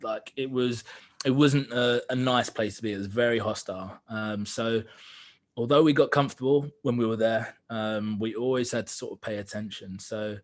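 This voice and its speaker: A young man telling a personal story as a podcast guest, candid and earnest, with frequent fillers. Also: medium pitch. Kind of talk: reflective storytelling in conversation.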